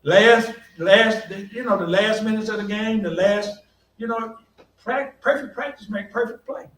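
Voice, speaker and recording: An older man tells folksy coaching stories on a panel, putting on the voices of other people. His voice sits fairly high for a man. He is recorded from across an echoey conference hall with a faint hum behind him. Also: moderate pace, recorded from a distance. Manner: folksy, animated anecdotes with quoted voices and laughter. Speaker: college basketball coach, panel speaker.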